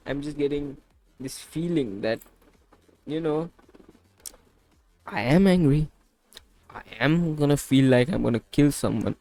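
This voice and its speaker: A man's voice: mid-range voice, dark tone. A tired young man vents in a casual confessional vlog about feeling irritable and worn out, sweaty from the heat of his bedroom. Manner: frustrated, venting, repetitive. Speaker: vlogger documenting a fitness journey. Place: hot small bedroom.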